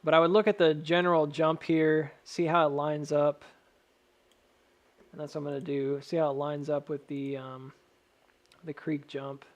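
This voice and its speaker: A man with a whistle on his s sounds gives casual, technical chart commentary, thinking aloud in a measured, cautious way. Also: a little high, level tone. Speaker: stock chart analyst addressing viewers.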